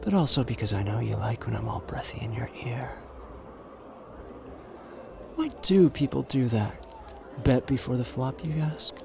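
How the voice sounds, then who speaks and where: In an ASMR roleplay audio drama, a man plays a confident, suave and flirtatious gambler, speaking in a hushed, teasing and intimate way with drawn-out phrasing and pet names. His voice is medium in pitch and creaky, with background noise.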